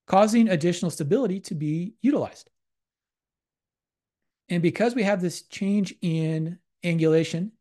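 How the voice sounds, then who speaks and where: An exercise science lecturer with a fairly high, mellow male voice talks through his slides in a slightly raised voice. He is methodical and academic, repeatedly circling back to the same technical terms.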